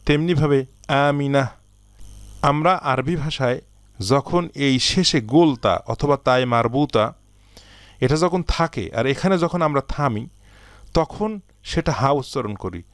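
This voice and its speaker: A man teaching an Arabic lesson, slowly reading out word lists and asking learners to answer. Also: medium pitch, clean tone, dry recording, clean studio sound. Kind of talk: recorded language lesson.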